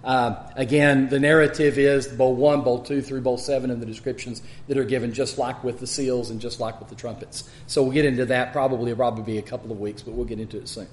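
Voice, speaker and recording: A man with a West Texas accent teaching the Bible in an expository style, measured and emphatic. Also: mid-range voice, little pitch movement, a little hiss or hum.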